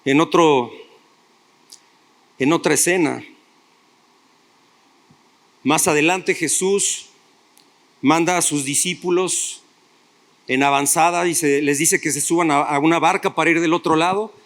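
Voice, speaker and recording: High-voiced man preaching a sermon. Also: unhurried, long pauses, a bit bright. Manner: storytelling preaching with rhetorical questions to listeners. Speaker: pastor.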